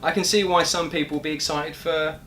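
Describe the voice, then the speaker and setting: A man's voice: a little high, steady tone, fairly quick, fairly bright tone. A young man co-hosting a casual gaming chat, laid-back and agreeable with a dry manner. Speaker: co-host of gaming chat show.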